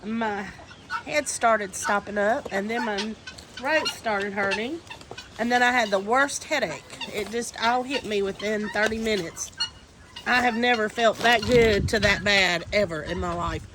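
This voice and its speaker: A homesteading vlogger with a mid-range, unhurried voice, stuffy and congested from a cold, chats casually while showing how to repot seedlings outdoors in the wind. Her how-to gardening talk is homey and instructive, with faint wind noise audible.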